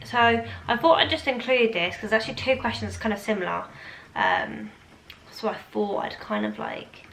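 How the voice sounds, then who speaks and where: A woman's voice: medium pitch, animated, moderate pace, vocal fry, fairly bright tone. A British woman in her twenties chatting casually to camera in a rambling, informal, exaggerating way, answering questions as a vlogger. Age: 20s. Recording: echoey room, faint background noise.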